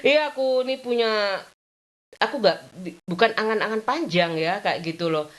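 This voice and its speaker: Middle-aged woman, home vlog, rambling and venting, swings between high complaints and low mutters. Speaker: vlogger. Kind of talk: casual chat.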